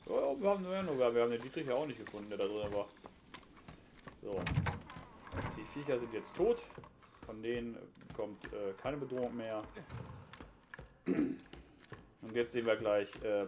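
This gameplay commentator jokes his way through a horror game at home, chatting casually into a headset. He talks at a normal speed in a fairly low voice, pausing at length, with background noise behind him.

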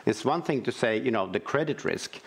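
A middle-aged man speaking as a financial supervisor on a conference panel, halting often with restarts and repeated words. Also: mid-range voice, lively intonation. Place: large auditorium stage with audience.

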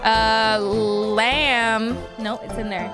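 A young woman streaming live, chatting casually with viewers, playful and quick to swear and laugh. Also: a little high, fairly even intonation. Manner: playful, swears and laughs often, reads chat aloud. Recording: music playing behind voice.

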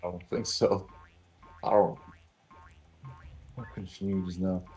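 A man chatting casually with a friend while playing a game, relaxed and a bit hesitant. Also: deep voice, slow, soft background music. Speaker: co-player.

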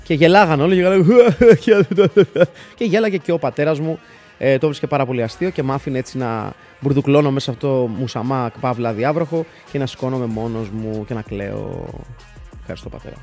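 Seated in an armchair in a studio, a man who is a football fan tells stories as an interview guest in a casual, anecdotal way. He rambles, corrects himself and restarts often, turning loud and animated when excited. His voice is mid-range, with faint music behind it.

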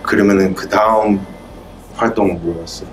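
A man's voice: lowish voice, steady tone, moderate pace, slight background noise. A man in his thirties with a Korean American accent, hosting a casual interview in simple, loosely built phrases. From United States. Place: indoor rehearsal room with drum kit. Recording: distant mic, music behind.

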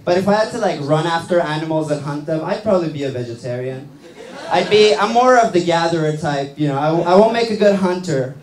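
A man's voice: a little high, animated, a little fast. A young man from Iran doing a stand-up set on a small club stage, talking loosely into a handheld mic, with lots of fillers and tag questions. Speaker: stand-up comedian. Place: small comedy club stage with live audience. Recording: roomy club sound.

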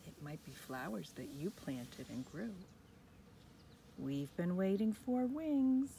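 The recording, made outside in a front yard under a tree, carries birdsong and ambient noise. A woman with a lowish voice and vocal fry reads a children's picture book aloud, slowly and expressively. Like a teacher with young children, she addresses them directly and adds whispered asides.

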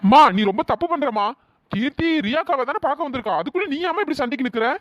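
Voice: sits high, expressive, very fast, no room sound. A performer voicing an earnest young man in a cartoon, protesting urgently to his mother. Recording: dull lo-fi dry sound.

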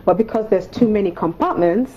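Guesting on the sofa of a morning TV studio, a thirtysomething woman with a Nigerian accent works as an etiquette coach, explaining in a prim, precise, instructive voice. She speaks a little fast, at medium pitch with a dark tone, in a muffled recording with a little hiss or hum.

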